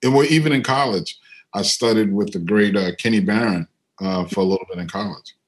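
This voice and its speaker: Middle-aged man, low-pitched, relaxed storyteller on a video call, livens up when quoting people. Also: fairly quick. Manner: animated when quoting others, otherwise easygoing with fillers. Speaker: interviewed musician and composer. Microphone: computer on a video call.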